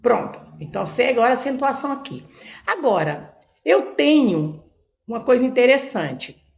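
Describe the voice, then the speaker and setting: A Brazilian Portuguese woman teacher works through exam grammar, posing a question and then answering it herself. Her voice sits a little high and moves a great deal, with a gravelly edge. The recording sounds dull and lo-fi. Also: big pitch swings, moderate pace, reverberant. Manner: step-by-step, asks questions and answers them herself. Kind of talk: exam prep lesson, explaining on a board.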